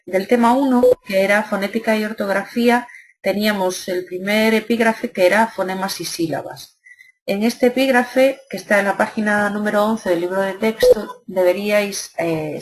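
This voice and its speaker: A woman teacher with a Spanish accent from Spain walks students through exam review material. She speaks in a steady, methodical way and often pauses with small hesitations as she lists each point. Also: mid-range voice, slight background noise.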